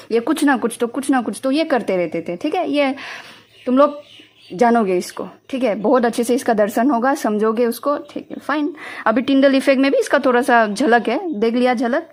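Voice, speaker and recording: Young woman, high-ish voice, lecturing in Hindi-mix, quizzes the class herself. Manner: explains in Hindi mixed with English, asks students questions and answers them herself. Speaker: chemistry teacher.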